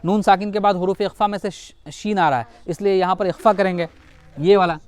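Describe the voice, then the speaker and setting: A man teaching Quran reading, who explains rules and spells out syllables slowly, repeating and correcting them. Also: sits high, steady tone, darkish tone, clean tone. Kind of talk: recitation lesson.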